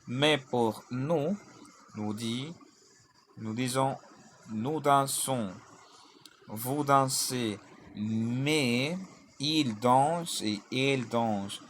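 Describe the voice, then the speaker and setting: A man's voice: mid-range voice, extremely slow, pauses often, slight background noise. A man teaching a grammar lesson, drilling verb conjugations in lists and spelling out word endings letter by letter. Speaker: language teacher.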